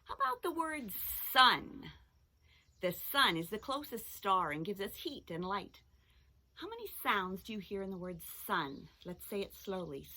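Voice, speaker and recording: Woman teacher, children's phonics lesson; unhurried, clear and sing-song, a sharp bright tone. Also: mid-range voice, very animated.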